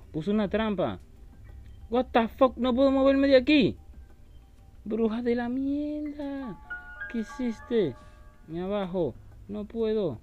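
Excitable man taunting a horror game. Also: high-pitched, lo-fi sound. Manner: taunting, excitable, shrieks when startled. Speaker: gaming YouTuber.

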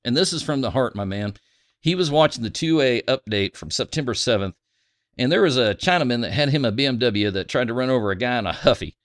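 A man's voice: mid-range voice, expressive, fast talker, no room sound, studio quality. A man hosting a gun channel vlog, reading viewer comments aloud in a joking, crude, self-mocking way.

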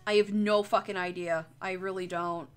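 With a crowd audible in the background, this young woman speaks at a moderate pace in a fairly low voice with fairly even intonation. She's a streamer and artist who draws during her livestream, chatting in a rambling, jokey way laced with plenty of swearing.

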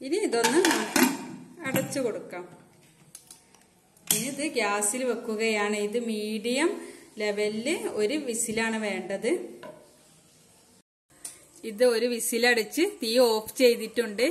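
A woman's voice: fairly high pitch, steady tone, slow pace, long pauses. A woman hosting her cooking channel, explaining a recipe step by step in a friendly way from her home kitchen. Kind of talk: cooking tutorial narration. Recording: echoey kitchen with faint noise.

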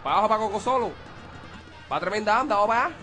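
A man's voice: sits high, animated, very fast, pushed and bright, soft background music, pitched below the performer's own voice. A man voicing a bossy, street-smart young man with a Cuban accent who barks orders. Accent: Cuban Spanish. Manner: barking orders.

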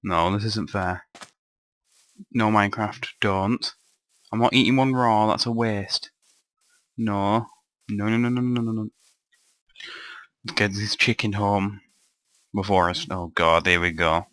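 A man's voice: on the low side, steady tone, takes it slowly, long pauses, fairly bright tone, no echo. A young man giving rambling, grumbling commentary over his own gameplay, often swearing to himself. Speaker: gamer narrating a let's play.

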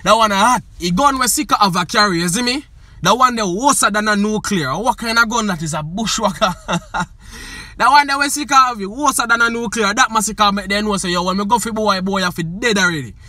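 Jamaican male song reviewer, emphatic, forceful bright tone. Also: high-pitched, a little fast, dry recording. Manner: emphatic, keeps asking "you see me". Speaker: music reviewer. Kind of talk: casual song commentary.

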